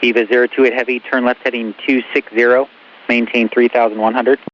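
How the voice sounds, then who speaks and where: A man's voice: mid-range voice, little pitch movement, a little fast, fairly bright tone. A man working as an airport tower controller, giving air traffic instructions over the radio. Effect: radio transmission. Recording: muffled radio with faint hiss.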